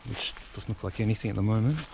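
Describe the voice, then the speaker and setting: A travel vlogger with a fairly low, gravelly voice talks fast as he walks through rural countryside with a handheld camera, chatting and musing aloud as he explores. The outdoor camera audio is noisy, with wind and outdoor ambience behind him.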